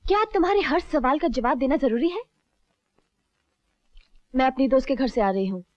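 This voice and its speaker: A woman's voice: high-pitched, expressive, normal speed, no room sound. A defiant young college woman. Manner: sharp, contemptuous. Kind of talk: 1980s film melodrama. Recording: dull, music behind.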